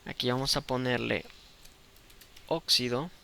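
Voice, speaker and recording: A man teaches an online chemistry lesson, speaking close to the mic. His voice is gravelly and bright, with a crisp edge. He explains patiently and keeps checking that the students are following. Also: medium pitch, measured pace, a little hiss or hum. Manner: patient, checks understanding with "¿de acuerdo?".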